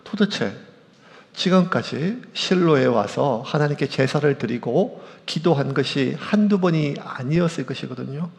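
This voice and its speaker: Male pastor, lively sermon, gravelly slightly high voice, long hall reverb; acts out voices. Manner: animated, acts out quoted voices. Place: church sanctuary. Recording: echoey church hall.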